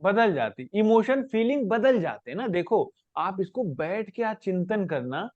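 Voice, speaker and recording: A man with a high voice leads a spiritual question-and-answer class. He explains patiently and reaches for everyday examples. The recording is dry and dull, with no room sound. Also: sing-song, a little slow, darkish tone, no room sound. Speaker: spiritual teacher.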